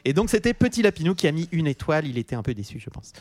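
A man's voice: a little high, very animated, racing. A man co-hosting a podcast, reading viewer reviews aloud in a jokey, self-deprecating way and laughing often. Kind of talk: casual chat.

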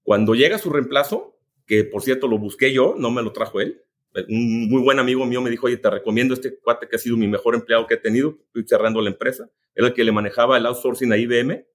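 Hombre mexicano contando anécdotas. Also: male voice, mid-range voice, quick pace. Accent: Mexican Spanish. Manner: anecdotal, many restarts and asides. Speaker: business executive guest. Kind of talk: casual storytelling interview.

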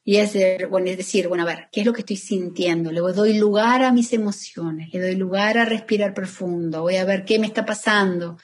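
A woman therapist talks in a calm, soothing way. She slows right down when she leads breathing exercises, and her voice sits at a middling pitch. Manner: calm, soothing, slowing down for guided phrases. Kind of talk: guiding a breathing exercise in an interview.

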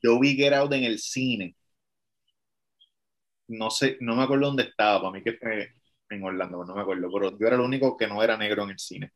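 A man's voice: lowish voice, a little fast. A man co-hosting a podcast, chatting and cursing casually. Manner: profane, chatty recounting. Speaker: podcast co-host. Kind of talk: casual chat.

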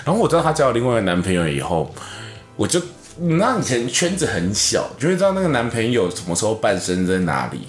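Taiwanese guy chatting on a podcast, voice jumps all over as he tells it, roomy echo. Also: fast. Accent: Taiwanese Mandarin. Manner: animated storytelling, acts out quotes in a high voice. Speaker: podcast co-host. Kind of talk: casual chat. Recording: echoey room with faint music.

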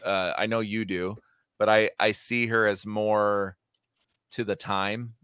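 A man's voice: lowish voice, flat delivery, takes it slowly, fairly bright tone, smooth, no room sound, clean studio sound. A man hosting a podcast, chatting casually and bluntly with cohosts, swearing freely and getting heated as he rants about a movie. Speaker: podcast host. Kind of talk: casual chat, movie review.

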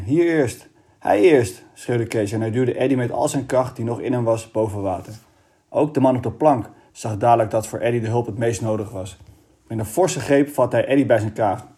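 A man reading a children's novel aloud in a steady, expressive way. His voice sits at an ordinary pitch and has a mellow, relaxed tone. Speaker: audiobook reader.

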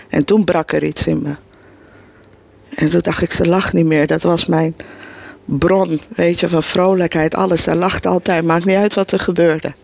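A woman's voice: deep voice, vocal fry, darkish tone, no echo. A middle-aged woman telling her own life story to an audience in an earnest, emotional and blunt way. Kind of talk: personal storytelling before an audience.

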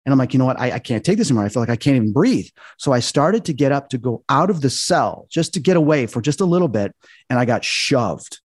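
A man's voice: mid-range voice, very animated, fast talker, dry recording, clean studio sound. A man telling earnest stories in a casual podcast chat, walking through paranormal theories at length. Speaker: paranormal investigator guest.

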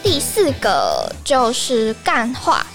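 A woman's voice: a little high, huge pitch swings, slow pace, over loud music. A woman with a Taiwanese Mandarin accent hosting a casual language lesson on slang in a chatty, playful way. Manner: chatty, playful, acts out short examples. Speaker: podcast host and Japanese teacher.

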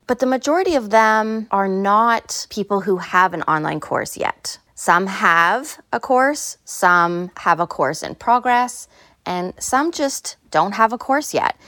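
A woman's voice: medium pitch, lively intonation, unhurried, sharp tone, dry recording. Woman podcaster talking casually, dry closet sound. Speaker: podcast host. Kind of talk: casual solo podcast talk. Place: small clothes closet. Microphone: phone, no headphones.

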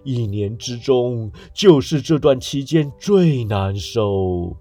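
A man's voice: medium pitch, lively intonation, warm tone, soft background music. A man doing a mournful chained ghost. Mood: lamenting. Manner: slow, drawn-out, heavy delivery. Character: grieving chained male ghost, solemn and slow.

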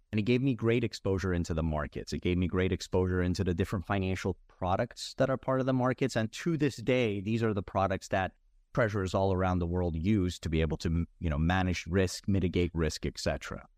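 This is a finance executive in his forties, originally from Turkey but with an American accent, appearing as a podcast guest. His voice is low and a bit dark, his pace brisk, and he recounts his career conversationally. The studio-quality recording has no room sound.

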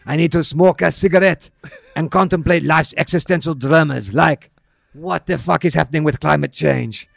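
A man's voice: on the high side, moderate pace, vocal fry, dry recording, pitched above the performer's own voice. A man voicing a pompous, crude, worldly ex-footballer with a grandiose manner. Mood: florid. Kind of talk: comic character phone bit.

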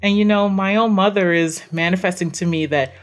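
A woman guest on a podcast, telling her story in an animated, emphatic way, repeating phrases for effect. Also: fairly low pitch, brisk. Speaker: podcast guest, business owner.

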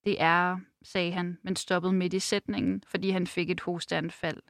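A woman reading a first-person novel aloud in a measured, unhurried way, then talking about the book. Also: lowish voice, level tone, dry recording, studio quality. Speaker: reader and book discussant.

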